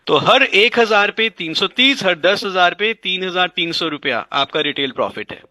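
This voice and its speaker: Bright high-voiced man explaining a plan. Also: expressive, moderate pace, no room sound. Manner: mixes Hindi and English, repeats phrases for emphasis. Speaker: national head explaining a business plan. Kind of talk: explanatory interview talk. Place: indoors at a dining table.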